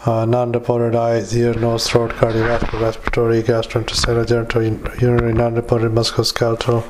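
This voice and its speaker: A man dictating clinical notes as a doctor, in a halting, hesitant, matter-of-fact way with frequent pauses. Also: medium pitch, monotone, noisy background. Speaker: doctor dictating a psychiatric evaluation. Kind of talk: medical dictation with spoken formatting cues.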